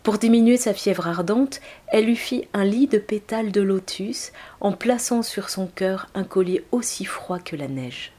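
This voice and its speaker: A woman reading an old tale aloud in a soft, measured way, at times near a whisper. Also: mid-range voice, expressive. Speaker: narrator.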